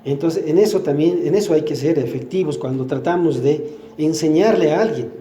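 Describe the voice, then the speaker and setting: A man's voice: a little high, moderate pace, dark tone, echoey room. An older man gives a sermon at church, teaching with everyday examples and asking the congregation questions. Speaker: church speaker.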